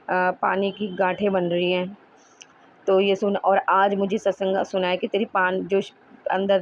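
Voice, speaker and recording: A woman's voice: mid-range voice, a little mellow. A woman tells a devotional story in a chatty, rambling way, often stopping to correct herself mid-word. When she addresses her guru she turns earnest and pleading. The recording is dull and lo-fi, with a faint hiss underneath. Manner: chatty and rambling, with frequent self-corrections and restarts. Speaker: devotee sharing a satsang testimony. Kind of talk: casual devotional storytelling to listeners.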